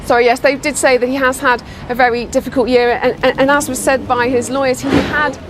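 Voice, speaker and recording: Female TV reporter, fairly high voice, live report, noisy outdoor traffic. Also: little pitch movement, brisk. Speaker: TV news reporter. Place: outdoors in a busy street.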